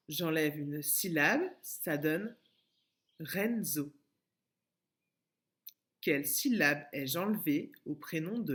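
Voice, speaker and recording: Slow, patient French woman teaching children. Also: on the low side. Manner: slow, clearly syllabified, patient and instructive. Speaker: kindergarten teacher. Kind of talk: remote phonics lesson for young children.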